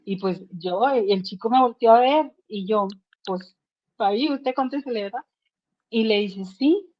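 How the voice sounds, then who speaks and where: A woman's voice: medium pitch, measured pace, lo-fi sound. A woman telling a story in casual chat at a book club and reading aloud, earnest, with many fillers and restarts.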